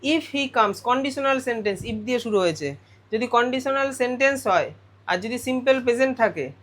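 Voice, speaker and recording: A man's voice: very high-pitched, lively intonation, normal speed, fairly bright tone. A male teacher going through a grammar lesson step by step, often putting questions to his students. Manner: explains step by step, asks the class questions.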